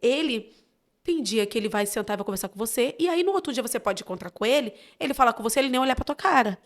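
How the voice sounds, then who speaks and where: A woman with a Brazilian accent chats as a podcast guest, telling anecdotes with lively expression. Her voice sits a touch high for a woman. She keeps it casual and conversational. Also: quick pace. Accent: Brazilian Portuguese. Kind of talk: casual storytelling chat.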